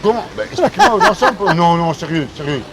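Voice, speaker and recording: Older man from Belgium, pushy street interviewer, slightly high voice, clear street noise around. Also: wildly swooping pitch, fast. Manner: insistent, talks over the other man, pushy questions. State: tired. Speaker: independent street reporter. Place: city street outdoors.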